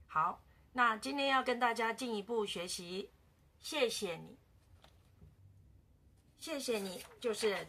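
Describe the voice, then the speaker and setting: Woman language teacher, bright and a bit gravelly, casual beginner lesson, repeats words slowly. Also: mid-range voice.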